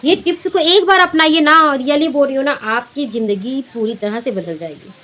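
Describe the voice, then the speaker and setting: A woman's voice: high-pitched, moderate pace, bright, forceful tone, rough recording. Earnest woman giving motivational advice. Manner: earnest and instructive, repeats and restarts phrases. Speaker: motivational speaker. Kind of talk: unscripted motivational talk.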